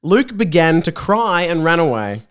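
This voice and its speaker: Smooth and unhurried, the man's fairly high voice swings widely in pitch. As host of a casual comedy podcast, he reads out his own old fan fiction, ribbing himself and repeatedly bursting into laughter.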